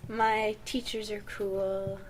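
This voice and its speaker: A woman's voice: medium pitch, flat delivery, slow, over a noisy crowd. A young woman co-hosting a podcast, chatting in an upbeat, rambling way with many fillers. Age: young adult. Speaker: podcast co-host. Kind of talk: casual chat.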